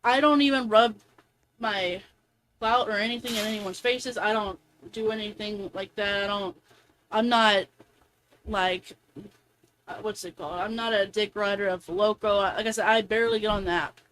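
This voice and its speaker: A woman's voice: mid-range voice, steady tone, moderate pace, fairly bright tone, rough recording. A young woman streamer in casual chat, venting animatedly and quoting people in a raised voice. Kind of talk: casual chat while gaming.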